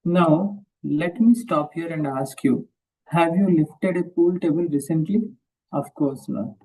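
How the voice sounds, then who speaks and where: Book reader; slow and mellow, halting, rereads lines. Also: mid-range voice, slightly rough, distant mic, low-quality recording. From India. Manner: halting, rereads and repeats phrases. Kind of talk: reading a book aloud and discussing it.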